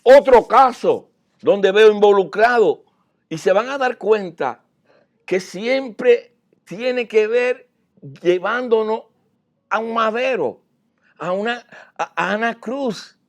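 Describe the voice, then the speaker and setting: A male preacher delivering a language sermon, moving from low, quiet passages to loud, high-pitched exhortation. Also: takes it slowly, pauses often.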